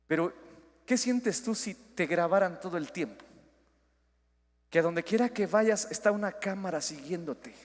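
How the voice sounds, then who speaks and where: A man preaching a sermon, his voice pitched high for a man. He swings between loud, emphatic declarations and hushed asides. The sound trails off in the long reverb of a church hall. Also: unhurried, long pauses. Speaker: pastor. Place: church sanctuary.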